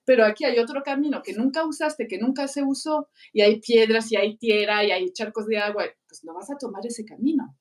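A woman's voice: a little high, a little fast, few pauses, recorded from a distance. A middle-aged woman, chatting in a podcast and telling anecdotes, acting out what others said. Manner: animated storyteller, acts out quoted voices. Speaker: teacher and speaker on learning. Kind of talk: conversational podcast chat with anecdotes.

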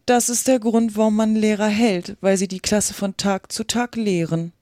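A reader voicing a bossy, impatient griffin who talks loudly and bluntly in a storybook reading. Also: medium pitch, steady tone, normal speed, no echo, studio quality, pitched above the performer's own voice, close to an everyday voice. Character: gruff bossy griffin from a fairy tale. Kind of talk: reading a children's classic aloud.

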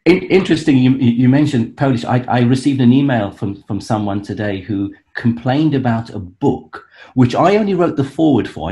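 Mellow and medium-pitched, this man is an author who joins as a guest expert and talks through history in a conversational way. He sounds enthusiastic yet hesitant, frequently restarting and using fillers.

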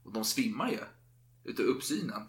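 A man's voice: mid-range voice, big pitch swings. A man telling a history story in a loose, chatty way, with plenty of casual swearing. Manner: chatty, swears freely, acts out quotes. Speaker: podcast co-host. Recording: roomy echo.

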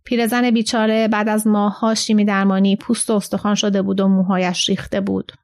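A woman narrating a literary short story in an even, steady reading. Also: mid-range voice. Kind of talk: scripted narration.

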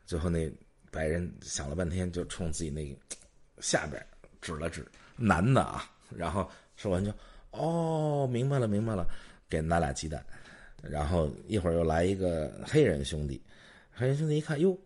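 A man's voice: low-pitched, expressive, moderate pace, a little mellow, husky. A man hosting a podcast, telling anecdotes and jokes in a chatty, casual way. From China. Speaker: podcast host. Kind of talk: casual storytelling chat.

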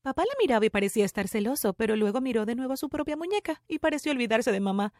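A woman narrating a first-person story with a breathless, excitable delivery. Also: a little high, rapid-fire, dry recording, clean studio sound.

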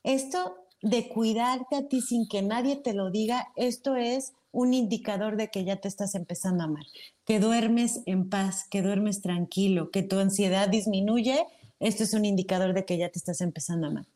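A woman guest on a talk show, calmly explaining her advice. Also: medium pitch, normal speed.

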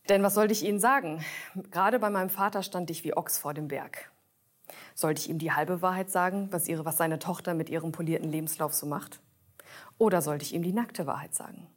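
A woman hosting her own podcast, talking earnestly and reflectively and addressing her listeners directly. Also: fairly low pitch. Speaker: podcast host. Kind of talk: scripted podcast monologue.

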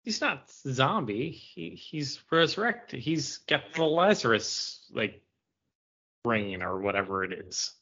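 A comics podcast co-host chats casually in a mid-range voice that's animated, slow, and bright, with a forceful tone and a breathy edge. The audio is dull and lo-fi.

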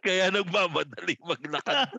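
Filipino man, podcast co-host, crude joker; high, bright voice, dry close mic. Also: lively intonation, normal speed, gravelly, no echo, dull audio. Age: adult, married. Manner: crude, laughs often, riffs on silly superhero ideas. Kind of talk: casual joking chat.

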